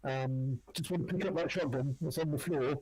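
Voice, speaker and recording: A man's voice: on the high side, moderate pace, darkish tone, breathy edge, no room sound, rough recording. A man talking casually as a player in a tabletop game, wry and matter-of-fact.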